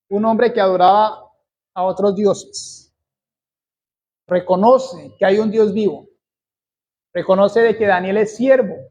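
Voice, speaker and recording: A man from Colombia preaches a sermon at an unhurried pace. His voice sits high yet sounds mellow and dark in tone. He stresses his points by repeating phrases deliberately. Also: muffled recording. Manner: slow, deliberate preaching with emphatic repetition.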